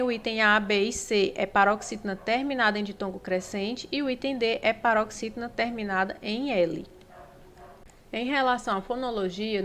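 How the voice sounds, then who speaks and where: A woman's voice: mid-range voice, fairly bright tone, a little hiss or hum. A woman with a Brazilian accent teaching Portuguese grammar for exam prep, explaining step by step and checking in often with the listener. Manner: explanatory, frequent "né?" and "ó" check-ins.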